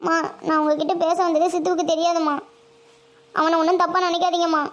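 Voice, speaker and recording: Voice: very high voice, level tone, quick pace, a bit bright. A performer voicing an upset young college girl in a cartoon, talking in a pleading, tearful, apologetic way. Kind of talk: cartoon voice acting.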